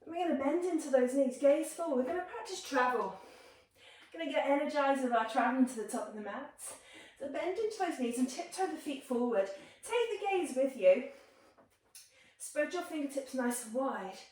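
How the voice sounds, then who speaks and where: A woman with a high voice leads a yoga flow, chatty and encouraging as she demonstrates each move. She sounds a little far from the mic in a very echoey room. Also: lively intonation, moderate pace, a little mellow. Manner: encouraging, chatty, demonstrating moves while talking. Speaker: yoga instructor. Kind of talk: guided yoga class instruction.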